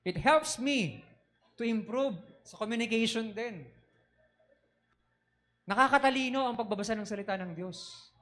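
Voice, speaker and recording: A man preaching a sermon in an animated way, switching between Tagalog and English and asking the congregation questions. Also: very high voice, a little slow, long pauses.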